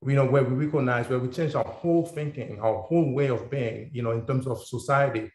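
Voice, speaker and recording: A man born in Haiti speaks slowly and thoughtfully, filling his pauses with "you know" and "uh" as he shares in a group circle. His voice sits at a middle pitch. The room around him rings with echo. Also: a little mellow. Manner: thoughtful, many fillers and restarts. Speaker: circle participant. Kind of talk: reflective personal sharing.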